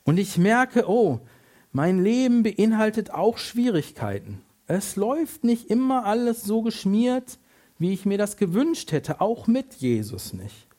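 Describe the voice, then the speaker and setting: A man with a high-pitched voice preaches, walking his listeners through a story as if it were happening to them. His delivery is lively and animated, full of rising excitement and sudden drops. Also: measured pace. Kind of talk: sermon with vivid second-person story.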